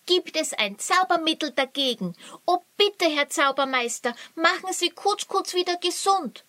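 A woman voicing an excitable, impatient young girl who pleads and whines in a children's storybook. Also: a little slow, dry recording, full character voice. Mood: pleading. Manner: high whiny pleading.

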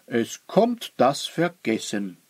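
A man playing an old, wise wizard who speaks slowly and thoughtfully in a children's story. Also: medium pitch, sing-song, darkish tone, no room sound. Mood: grave. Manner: slow, musing, grave.

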